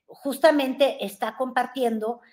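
A Mexican woman in her thirties, appearing as a guest commentator by video call from a room at home, talks politics in a playful, teasing, casual way while gesturing. Her voice is high and sits brightly, with fairly even intonation and a slow pace.

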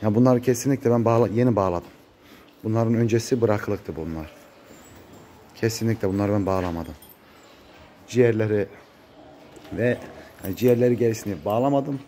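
A congested, cold-muffled man with a lowish, dark voice speaks casually to his audience as a farmer in a vlog. He raises cattle and is recording on a handheld phone inside an open-sided cattle barn under a metal roof, so the audio is noisy.

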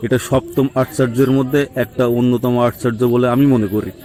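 A man's voice: medium pitch, steady tone, fairly quick, dark tone, soft background music. A man giving explanatory nature commentary, directing viewers' attention to what he is watching. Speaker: amateur wildlife video narrator.

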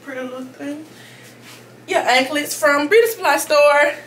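A young woman in her twenties chats with her viewers from a small bathroom at home, filming herself in a laid-back, playful, slang-heavy style. Her voice is high and fairly bright, at a moderate pace, with background noise in the recording.

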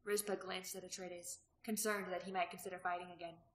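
A woman reading a novel aloud as narrator, steady and even. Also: lowish voice, brisk. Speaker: audiobook reader. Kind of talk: scripted narration. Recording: roomy echo.

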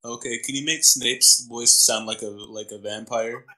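A man's voice: medium pitch, steady tone, a little slow, pushed and bright, low-quality recording. A man joking and teasing during a group reading in casual chat.

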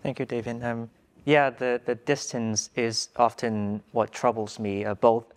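A man's voice: mid-range voice, flat delivery, a little slow. A man in his thirties moderating a studio panel discussion as host, speaking in a hesitant, thoughtful way on a lapel mic. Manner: hesitant, thoughtful, with many fillers. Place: dark studio stage.

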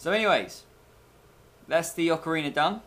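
A young male video blogger rambles casually at his desk in a small bedroom, caught by a webcam mic about an arm's length away. His voice is fairly high and lively in intonation, moving at a moderate pace with a slightly bright sound.

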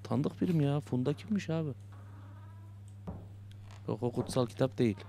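This gaming YouTuber is a young man whose warm, mid-range voice is expressive and carries some vocal fry at a moderate pace. He jokes and mutters to himself through a horror game, yelping when startled, over slight background noise.

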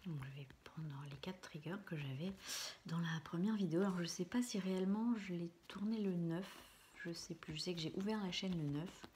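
Whispering woman, low and noisy recording. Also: a little fast, a little mellow. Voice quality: breathy whisper, mostly unvoiced. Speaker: ASMR channel host. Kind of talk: soft whispered casual vlog. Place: small room at home, indoors. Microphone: camera close in front, no external microphone. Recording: faint hiss and clicks, no studio microphone.

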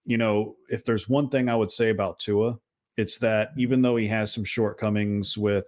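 A man's voice: on the low side, fairly even intonation, moderate pace, a little mellow. A man co-hosting a casual sports podcast, giving analysis with a wry, joking edge. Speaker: co-host.

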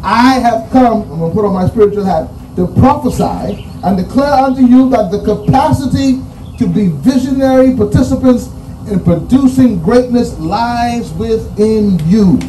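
A man's voice: high voice, lively intonation, moderate pace, background noise. A man with a Bahamian accent giving a commencement address in a preaching cadence, stressing his points and repeating key phrases. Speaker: commencement speaker. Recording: roomy echo, distant mic, faint music.

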